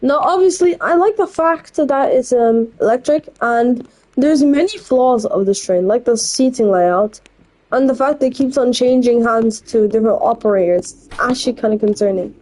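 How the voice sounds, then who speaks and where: A woman talks through a train-driving game in a loose, rambling commentary, tossing off blunt verdicts as she goes. Her voice sits a little high but sounds mellow and soft-edged. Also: low-quality recording. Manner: rambling, blunt and opinionated, quick asides. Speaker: gameplay channel host. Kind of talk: casual gameplay commentary.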